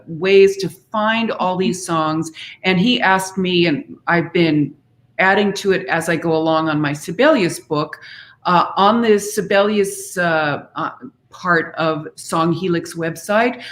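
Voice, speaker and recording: Her voice is lowish and a bit bright. As an interview guest, the woman, a singer and author, explains singing diction conversationally and demonstrates it by example.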